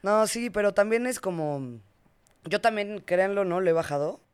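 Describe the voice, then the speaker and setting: A woman's voice: medium pitch, expressive, normal speed, clear, resonant tone. A woman co-hosting a casual chat, playful and laughing often. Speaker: podcast co-host.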